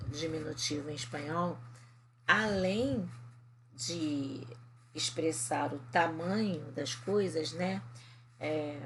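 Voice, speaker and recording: A Brazilian Portuguese-accented woman teaches a recorded lesson in a slightly low voice. She explains at a slow, patient pace and keeps checking in with short tag questions. A faint hiss of room ambience sits under her voice. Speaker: Spanish teacher. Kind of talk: recorded remote class lesson.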